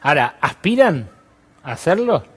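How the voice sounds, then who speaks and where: A man's voice: fairly high pitch, very animated, moderate pace, fairly bright tone, husky. Argentine male host, conversational. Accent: Rioplatense Spanish. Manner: conversational, prompting with questions. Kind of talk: interview hosting.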